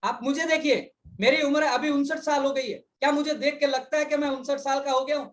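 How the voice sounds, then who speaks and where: A man's voice: extremely high pitch, steady tone, a little fast. A man interpreting a speaker's words in consecutive interpretation, restating each point fluently and in full over a video call.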